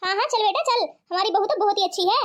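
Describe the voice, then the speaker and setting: औरत की आवाज़ में मनाती हुई सास. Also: female voice, extremely high pitch, fast talker, noisy background. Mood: coaxing. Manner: coaxing, pleading. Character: pleading, sweet-talking mother-in-law.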